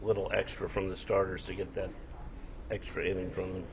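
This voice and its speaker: A male reporter puts questions to a manager at a press conference. His voice sits low and stays even as he hesitates and rephrases. Room noise is clearly audible around him. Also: brisk.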